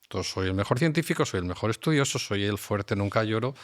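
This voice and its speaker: Man, podcast guest, scientist, reflective, lowish voice. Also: expressive, fast. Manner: reflective personal storytelling. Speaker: guest, science communicator and university lecturer. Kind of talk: casual podcast conversation.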